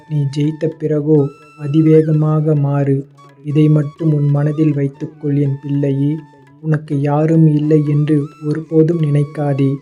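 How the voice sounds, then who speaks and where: A man speaks as a kindly father god, reassuring a grieving devotee as his child. The voice is deep-toned and mellow, read in an almost unvarying line, with soft instrumental music faintly underneath. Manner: tender, reassuring, calls the listener his child. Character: gentle divine father god consoling a devotee. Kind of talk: scripted devotional address.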